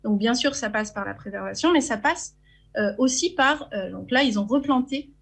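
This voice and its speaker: A woman's voice: fairly high pitch, lively intonation, normal speed, gravelly, slightly rough. Hesitant French woman giving a talk. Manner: hesitant, frequent fillers and restarts. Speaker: conference speaker. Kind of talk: academic conference talk with slides.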